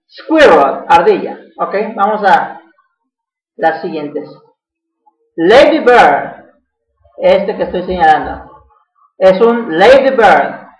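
Male teacher, patient repetition drill, heard from across an echoey room. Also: high-pitched. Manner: repeats each word slowly, checking with "¿ok?". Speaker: English teacher. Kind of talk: classroom vocabulary drill. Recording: echoey room, mic far off.

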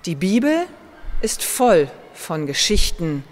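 A woman pastor with a German accent, preaching a sermon in a slow, measured way with gentle emphasis. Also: on the low side, very animated. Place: church. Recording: long church reverb.

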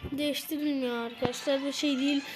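Excited young gamer with a high voice. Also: female voice, fast talker, low-quality recording. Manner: excited, taunting during play. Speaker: gaming channel host. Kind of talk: casual gameplay commentary. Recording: game music playing behind the voice.

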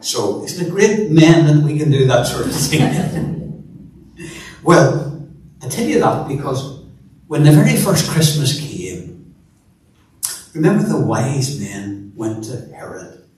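A male minister preaching a sermon in earnest, repeating words as he builds emphasis, with touches of gentle storytelling humor. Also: mid-range voice, big pitch swings, slow pace, pauses often. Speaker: minister leading worship. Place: large church sanctuary. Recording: echoey church from a distance.

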